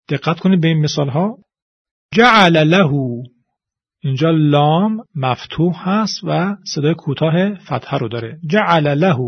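Husky man slowly teaching pronunciation. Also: on the high side, dry recording, highs cut off. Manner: slow and deliberate, drawing out example words. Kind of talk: pronunciation lesson.

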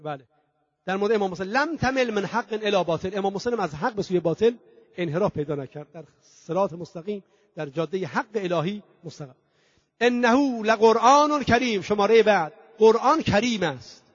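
A man's voice: sits high, no room sound. A man preaching at a mourning gathering, chanting scripture in a singing tone between rhetorical questions and long emphatic lists. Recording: dull dry lo-fi recording.

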